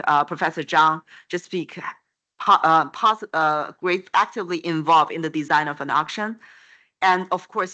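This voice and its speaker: A panelist giving remarks on a conference panel, talking fast and loosely with self-corrections. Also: medium pitch, bright, forceful tone.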